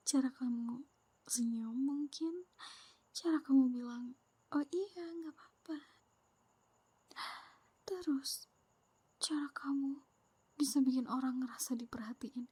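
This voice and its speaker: Whispering right up against the mic, a young woman acts out the part of a jealous, possessive, clingy girlfriend in ASMR roleplay. Her voice sits high and comes across soft, sweet and needy, with no echo.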